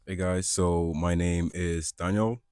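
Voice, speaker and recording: A young man from Ghana, a panelist talking slowly and thoughtfully, often restarting his words. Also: deep voice, steady tone, mellow, clear, resonant tone, no echo, clean studio sound. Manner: slow, thoughtful and self-repairing. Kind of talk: casual panel talk.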